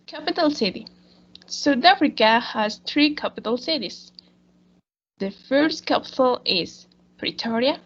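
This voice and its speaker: A woman reads a school presentation slowly and carefully, stopping to restart words. Her voice sits a little high with a gravelly edge. The recording is dull and lo-fi. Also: lively intonation, a bit bright. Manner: slow, careful reading with small restarts. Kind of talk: read-aloud school presentation.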